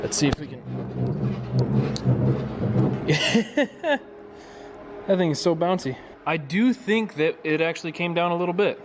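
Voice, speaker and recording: A man's voice: on the high side, lively intonation, measured pace, pauses often, background noise. A man in his thirties talking casually in frat-bro slang with easy swearing, vlogging from a garage workshop on a handheld camera. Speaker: host of a car project vlog. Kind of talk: casual garage vlog talk. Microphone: handheld camera at arm's length.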